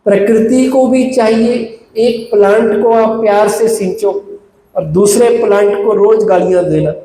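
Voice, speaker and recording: Man, spiritual sermon, high mellow voice, echoey hall with long reverb, faint hum. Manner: slow, with rhetorical questions to the audience. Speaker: spiritual teacher. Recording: roomy hall echo, faint background noise.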